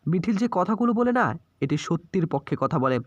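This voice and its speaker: A man's voice: high voice, lively intonation, brisk, no room sound, highs cut off. A man voicing an indignant young man scolding his grandmother. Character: angry young man defending his family.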